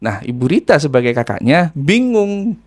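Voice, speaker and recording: A man's voice: fairly high pitch, big pitch swings, moderate pace, a little mellow. A man telling a ruqyah healing story in casual storytelling, acting out the voices of the people in it.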